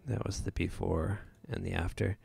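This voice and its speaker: A man's voice: deep voice, little pitch movement, moderate pace, vocal fry, a little mellow, breathy edge. A man hosting a live photo editing tutorial, talking casually with many fillers and restarts.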